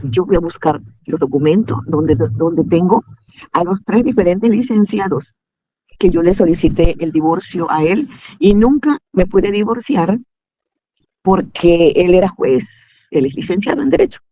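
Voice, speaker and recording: Older woman telling a halting story. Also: on the low side, animated, mellow, no room sound, highs cut off. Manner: halting, acting out both sides of past conversations. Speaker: caller asking for advice. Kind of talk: personal story on a call-in Q&A.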